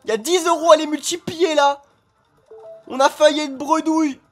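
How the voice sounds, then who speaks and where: A man streaming online casino games, chatting straight to his viewers in an excitable, casual way. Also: extremely high pitch, moderate pace, soft background music. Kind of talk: casual gambling commentary.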